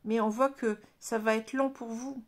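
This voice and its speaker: A woman's voice: a little high, fairly even intonation, normal speed. A woman with a French accent giving a casual tarot reading, chatty, with many restarts and tag words. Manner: chatty, frequent "hein" and restarts. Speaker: tarot card reader.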